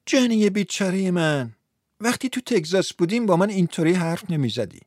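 A man voicing a scolding, exasperated young woman in an audiobook, with a sharp manner. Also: high-pitched, animated, dry recording, clean studio sound. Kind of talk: audiobook character voice.

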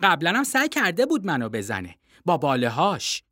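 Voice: mid-range voice, wildly swooping pitch, sharp tone, dry recording, clean studio sound, exaggerated voice. A storybook reader voicing an earnest, argumentative young schoolboy, pleading and defensive. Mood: insistent. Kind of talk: storybook reading.

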